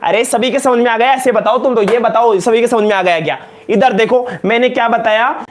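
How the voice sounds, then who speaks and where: A man with a Rajasthani Hindi accent teaching chemistry in a live class, loudly repeating each question and calling students beta and janab. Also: extremely high pitch, a little fast. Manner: loud, emphatic, drills points by repetition. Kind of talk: live online lecture in Hindi.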